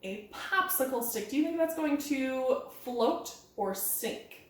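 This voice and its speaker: Speaking slowly in a high, animated voice, a woman runs an interactive storytime for children, asking the young listeners questions in a sing-song, encouraging manner. The sound is very echoey and roomy.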